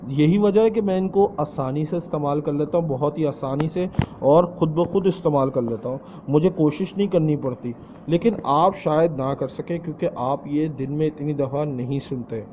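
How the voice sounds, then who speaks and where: A man's voice: a little high, warm tone, highs cut off, a little hiss or hum. A man teaching English in Urdu, often repeating words for emphasis and slipping in English phrases. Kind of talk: spoken lesson explaining English in Urdu.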